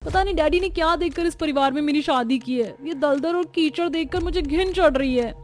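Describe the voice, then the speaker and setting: A woman's voice: high voice, moderate pace, a little mellow, lightly acted. A woman voicing a spoiled, snobbish rich young bride in a cartoon, haughty and complaining. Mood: disdainful.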